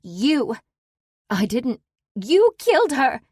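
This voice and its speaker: A woman's voice: very high voice, sing-song, normal speed, darkish tone, no room sound, studio quality, voice pushed up. A woman voicing a hysterical, grieving young woman who shrieks and sobs accusations in an audiobook. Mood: screaming. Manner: shrieking, sobbing.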